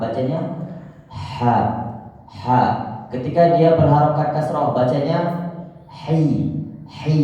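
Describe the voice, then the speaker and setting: Man, recitation teacher, slightly high voice, dull distant recording, echoey mosque hall. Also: warm tone. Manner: slow, explanatory, switches into melodic recitation. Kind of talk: religious lesson with chanted examples.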